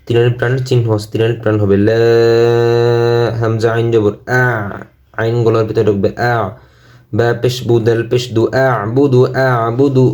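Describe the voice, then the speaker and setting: A Bengali-speaking man teaching Quran reading, spelling out each letter and vowel slowly and deliberately. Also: mid-range voice, little pitch movement, darkish tone. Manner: slow, deliberate syllable-by-syllable spelling.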